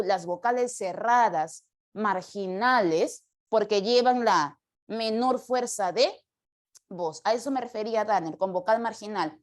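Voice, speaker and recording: A woman teaching a grammar class, explaining step by step and asking the students questions. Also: medium pitch. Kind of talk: classroom lecture.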